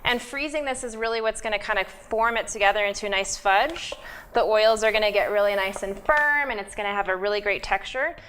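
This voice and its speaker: A woman's voice: mid-range voice, a little fast, fairly bright tone, slight background noise. A young adult woman giving a friendly cooking demonstration as a guest nutrition specialist, explaining steps with many fillers.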